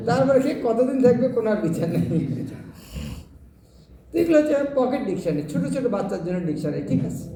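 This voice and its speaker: A man leading a devotional scripture class, questioning his listeners and answering himself, chanting verses slowly. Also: high-pitched, dark tone. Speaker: Gita class teacher. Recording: echoey hall, far from the mic, crowd noise.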